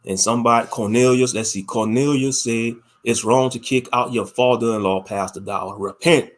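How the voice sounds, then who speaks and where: With a medium-pitched voice, fairly even intonation, and normal speed, a Louisiana man chats through viewer comments as a livestream host. His casual talk carries a Louisiana accent and colloquial wording, and he often repeats phrases to drive a point home.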